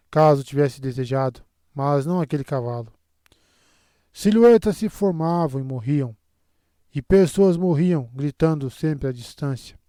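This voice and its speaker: A man with a Brazilian Portuguese accent reading an audiobook in a steady, measured way. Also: a little high, dry recording, clean studio sound. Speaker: audiobook narrator. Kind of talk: audiobook narration.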